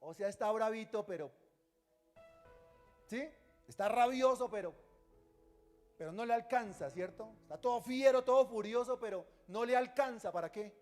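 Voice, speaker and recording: A male pastor preaching a sermon in a lively, teasing way, often putting questions to the congregation. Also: high voice, moderate pace, pauses often, soft background music.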